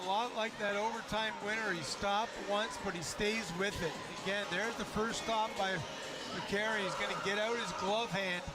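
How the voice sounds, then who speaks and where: A man's voice: high voice, steady tone, normal speed. A man working as a hockey colour commentator, breaking down replays with emphatic enthusiasm. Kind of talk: sports replay analysis.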